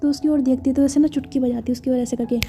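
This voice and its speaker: Fast high-voiced woman storyteller. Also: fairly even intonation, mellow, faint music behind. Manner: chatty, explains each gesture. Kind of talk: narrated love story in casual retelling.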